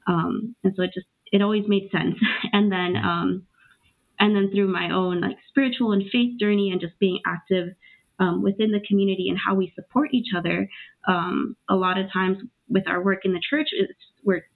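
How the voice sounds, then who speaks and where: Gravelly woman on a tinny line. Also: mid-range voice, steady tone, moderate pace. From Peru, raised in Los Angeles. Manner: reflective, many fillers and restarts. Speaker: guest, racial equity educator. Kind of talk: casual interview talk.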